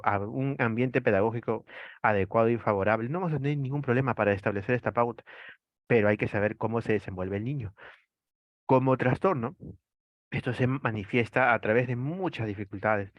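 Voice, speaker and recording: A man's voice: mid-range voice, no room sound, lo-fi sound. A man with a Peruvian accent, lecturing an online class, explaining and asking rhetorical questions that he then answers. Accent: Peruvian Spanish. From Peru. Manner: frequent tag "¿no?".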